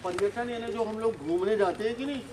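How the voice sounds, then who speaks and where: Older man in his 60s, forest officer type, fairly high voice, teaches kids outside, keeps asking questions and saying hurry up, noisy recording. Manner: quizzes children, urges them to answer quickly. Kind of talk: outdoor nature lesson to schoolchildren. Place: outdoors in a forest with a group of children.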